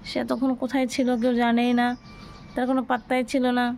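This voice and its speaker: A woman talking to her pets at home, half scolding and half coaxing in a playful singsong. Her voice sits fairly high, with a gravelly edge. A faint hiss of background noise runs under the recording. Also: flat delivery, fast, darkish tone. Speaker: pet owner vlogger. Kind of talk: casual talk to her cats. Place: home, bedroom.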